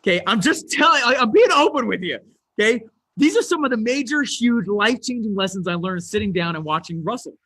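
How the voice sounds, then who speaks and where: High, husky-voiced man coaching online. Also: fairly quick. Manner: energetic, emphatic, talks straight to the audience. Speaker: business coach. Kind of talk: motivational online presentation.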